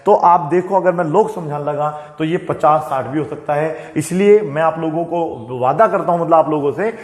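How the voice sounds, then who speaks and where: A man's voice: a little high, moderate pace. Patient male maths teacher, echoey room. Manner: patient, repeats "okay, beta" to students. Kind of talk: classroom maths lesson. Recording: echoey room with long reverb.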